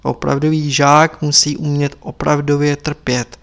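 A man's voice: on the high side, level tone, creaky, fairly bright tone. A man voicing a stern, wise old male lama teacher, speaking in a grave, instructive way as he reads a story aloud. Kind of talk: audiobook character reading.

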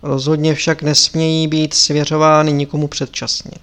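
A man's voice: on the high side, completely flat delivery, fairly bright tone, natural voice. A man reading the part of a stern elderly lama teacher, solemn and commanding.

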